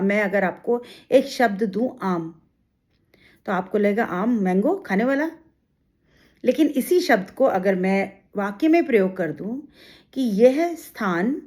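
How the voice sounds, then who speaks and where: A woman's voice: on the high side, a little mellow. A woman teaching an exam-prep grammar lesson. She explains step by step, asking rhetorical questions and giving examples.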